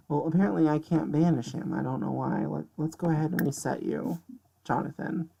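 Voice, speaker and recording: A young man giving casual, excitable game commentary, often stammering and exclaiming. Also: fairly high pitch, normal speed, creaky, husky. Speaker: gameplay commentator. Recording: loud background noise.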